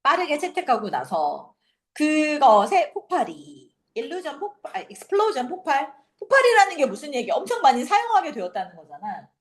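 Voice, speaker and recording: Lively, animated woman teaching English. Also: high voice. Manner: animated, acts out quick asides and rhetorical questions. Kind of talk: exam prep lecture.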